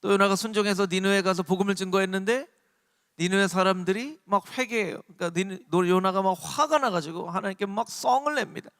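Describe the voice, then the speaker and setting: A male pastor preaching a sermon in a church, animated and throwing rhetorical questions at the congregation. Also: high-pitched, fast, dry recording, clean studio sound, big-room sound. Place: church sanctuary.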